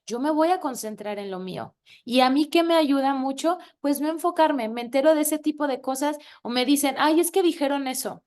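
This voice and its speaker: Animated woman hosting a reading circle. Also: sits high, normal speed. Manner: animated and chatty, laughs often, addresses listeners as friend. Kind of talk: faith-based casual talk to a reading group.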